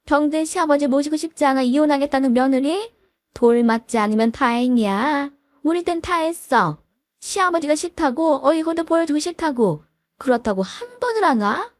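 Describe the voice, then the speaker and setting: A woman's voice: high-pitched, animated, normal speed, no room sound. A woman voicing a pushy elderly mother-in-law who scolds and makes demands, read for a drama-style story. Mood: scolding.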